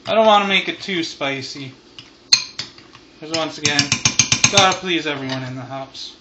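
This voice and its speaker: A man in his thirties chatting casually as host of a home cooking vlog, in a loose, rambling, laid-back stoner manner. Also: normal speed. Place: home kitchen, indoors. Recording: roomy, muffled camera audio with frying noise. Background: sizzling deep fryer.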